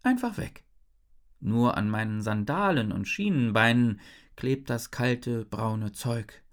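A woman narrating a children's story in the first person, with expressive storytelling. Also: very deep voice, takes it slowly. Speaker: audiobook narrator.

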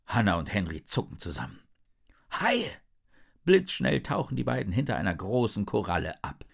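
A man reads a children's storybook aloud in a lively, playful voice. His pitch swings up and down, with a gravelly edge. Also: brisk. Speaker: narrator.

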